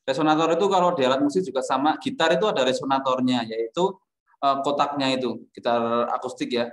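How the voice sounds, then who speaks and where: A male teacher giving a music lesson, joking and teasing his students between explanations. His voice sits at an ordinary pitch, and it rings around a bare, echoey classroom.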